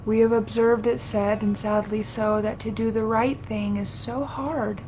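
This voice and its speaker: Slow, measured woman channeling like a seance medium. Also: steady tone, a little mellow. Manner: formal, archaic phrasing in halting, deliberate phrases, speaking as a collective "we". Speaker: trance channeler. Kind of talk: seance medium channeling, solemn spiritual sermon. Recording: dull lo-fi audio with low rumbling noise.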